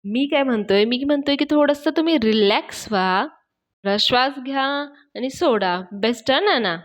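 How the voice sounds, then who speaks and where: A woman's voice: sits high, expressive, moderate pace. A woman voicing a young man who is an eager, bossy helper and speaks in a pushy, coaxing way. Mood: urging.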